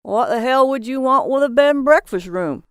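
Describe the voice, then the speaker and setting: A woman voicing a gruff older townsman who talks in a warning tone. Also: a little high, sing-song, moderate pace, no room sound, studio quality, pitched above the performer's own voice. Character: crusty older townsman smoking a cigar.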